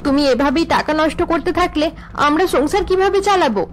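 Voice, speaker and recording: A woman voicing a tired working wife in a cartoon, sharp and pleading with her drunk husband. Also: high voice, normal speed, faint music behind, voice pushed up, close to an everyday voice. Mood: exasperated.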